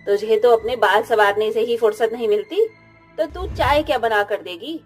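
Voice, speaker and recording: A man voicing a cruel, shouting middle-aged mother-in-law in a spoken storybook. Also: normal speed, soft background music. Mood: taunting. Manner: shrill, scolding, shouting insults. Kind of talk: storybook narration with voices.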